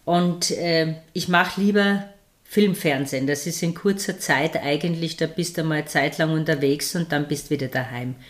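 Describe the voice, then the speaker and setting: A middle-aged actress from Styria speaks in a low voice at a normal speed, her Styrian Austrian German accent clear. She's a guest in a casual interview, telling stories and sprinkling in plenty of tag questions.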